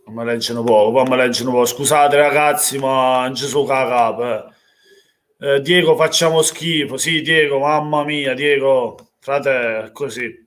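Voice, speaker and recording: A young man with a Neapolitan accent, reacting live to a football match and answering his chat, swinging from easy talk to loud outbursts. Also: medium pitch. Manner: emotional, swings from calm chat to shouting.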